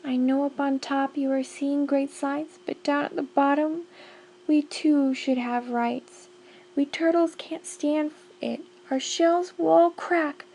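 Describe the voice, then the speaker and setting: A woman's voice: sits high, fairly even intonation, takes it slowly, warm tone. A plain little male turtle from a storybook, aching under a heavy load and pleading politely. A woman acts him out in a raised, strained voice. He groans and begs, weary but persistent.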